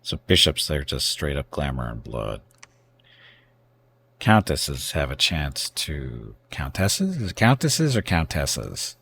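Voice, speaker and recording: A man thinking aloud as he plays a strategy game on a live stream, halting and correcting himself as he goes. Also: extremely low pitch, expressive, bright, forceful tone, breathy edge. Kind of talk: casual gameplay commentary.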